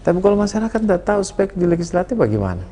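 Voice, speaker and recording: A man's voice: sits high, big pitch swings, very fast, warm tone. Earnest man lecturing on politics. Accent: Indonesian from South Sulawesi. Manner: earnest, lecturing, lists points one by one. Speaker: political party campaign official, guest. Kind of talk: political talk show discussion.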